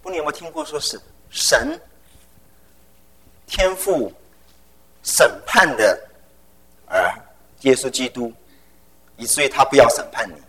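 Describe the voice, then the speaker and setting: A middle-aged man preaching a sermon. He talks in an animated way, drops English phrases into his speech and tells personal stories with vivid sound words. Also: medium pitch, unhurried, creaky, pauses often, poor audio.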